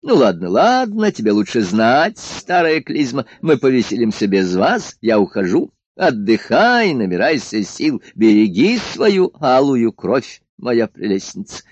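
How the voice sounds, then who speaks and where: A man voicing a grandiose, boisterous madman who calls himself emperor, speaking in a drawn-out, exalted way. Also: medium pitch, very animated, no room sound. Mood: grandiose, leering. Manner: leering, exalted, drawn-out slow speech. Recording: dull dry lo-fi studio recording.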